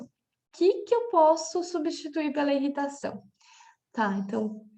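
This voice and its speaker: Brazilian woman coach, casual lesson, tosses in little "tá?" checks, higher-pitched with vocal fry. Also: a little mellow. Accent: Brazilian Portuguese. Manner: talks through examples, with many filler checks like "tá?". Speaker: coach teaching a class.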